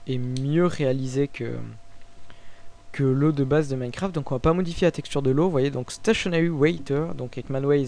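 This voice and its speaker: A young Frenchman walks through a 3D rendering tutorial at his desk, talking loosely into his microphone. His delivery is halting and informal, full of little fillers and restarts as he clicks along. His voice sits at an ordinary middle pitch for a man. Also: darkish tone. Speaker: tutorial maker. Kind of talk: casual screen-recorded software tutorial.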